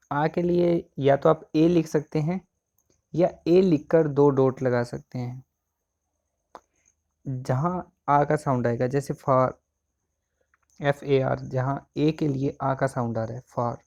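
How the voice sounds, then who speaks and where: A man's voice: fairly high pitch, slow, long pauses, mellow, highs cut off. A man teaching an exam coaching lesson, asking questions and answering them himself. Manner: asks and answers own questions.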